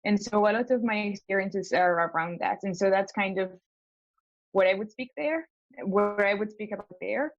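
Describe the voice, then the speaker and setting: A woman's voice: mid-range voice, normal speed, dry recording, muffled recording. A young woman from Spain, a law school applicant, talking hesitantly with many fillers in a casual coaching call. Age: young adult.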